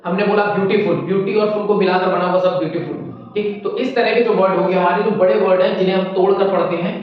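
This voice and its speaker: Male tutor, high voice, slow dictation; distant, muffled mic in a very echoey room. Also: steady tone. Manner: addresses students as children, slow dictation of examples. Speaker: English teacher. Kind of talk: classroom grammar lesson.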